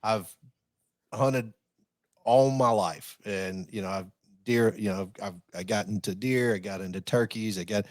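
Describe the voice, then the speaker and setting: A man co-hosting a podcast in a folksy, easygoing chat. His voice sits on the low side and the recording is dry and close. He laughs a lot and repeats himself as he talks. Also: a little slow, no echo. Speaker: podcast co-host. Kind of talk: casual chat.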